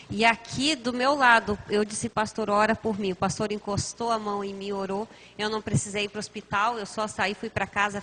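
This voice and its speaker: A woman's voice: medium pitch, fairly bright tone, a little hiss or hum. Earnest woman presenter, reverberant studio. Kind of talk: live TV studio talk.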